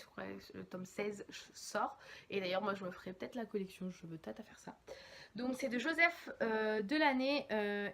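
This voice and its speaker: A young woman chatting casually about books, lively and rambling, with many fillers and self-corrections. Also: mid-range voice, slight background noise. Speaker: book vlogger. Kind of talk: casual chat.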